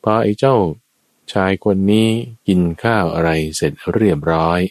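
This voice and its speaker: Deep-voiced Thai preacher telling a tale. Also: male voice, moderate pace, no echo. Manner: lively storyteller, acts out quoted characters with sudden high shouts. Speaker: dharma preacher. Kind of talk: storytelling Buddhist sermon.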